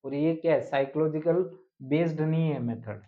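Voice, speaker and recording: A man's voice: fairly high pitch, normal speed. Man teaching on a tinny line. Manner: explanatory, asks rhetorical questions. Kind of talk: exam-prep lecture mixing Hindi and English. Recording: tinny phone-like sound.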